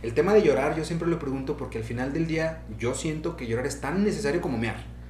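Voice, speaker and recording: A man's voice: fairly high pitch, fast, darkish tone, reverberant, a little hiss or hum. A young adult man with a Mexican Spanish accent hosting a casual interview chat, swearing freely and acting out his own inner voice. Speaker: podcast host.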